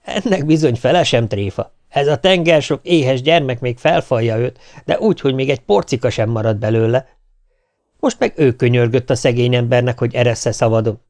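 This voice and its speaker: A man reading a folk tale aloud as an audiobook, with lively, expressive storytelling. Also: medium pitch, no room sound. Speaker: audiobook reader.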